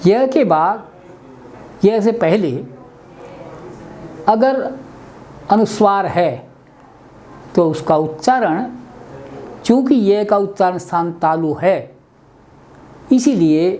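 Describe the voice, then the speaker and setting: A man giving a webinar lesson on pronunciation, spelling out letters one by one as he writes them and explaining each step deliberately. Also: high-pitched, animated, mellow, a little hiss or hum. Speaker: Hindi language teacher.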